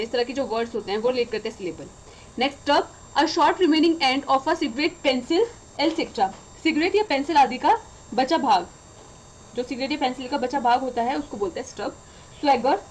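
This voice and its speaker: An Indian woman teaching English vocabulary, reading definitions slowly and explaining them in Hindi. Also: high-pitched, a little hiss or hum, low-quality recording. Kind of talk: vocabulary lesson.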